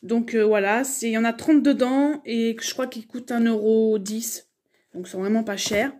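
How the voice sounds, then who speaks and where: A woman's voice: fairly high pitch, fairly even intonation, moderate pace, a little mellow, slight background noise. A young adult woman chatting casually through a shopping haul video, rambling with many fillers and restarts. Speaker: vlogger.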